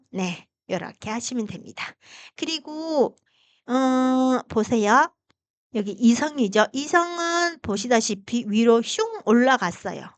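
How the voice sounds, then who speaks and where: A woman teaching Chinese pronunciation, patiently demonstrating tones with long drawn-out vowels. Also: a little high, fairly bright tone, dry recording. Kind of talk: pronunciation lesson.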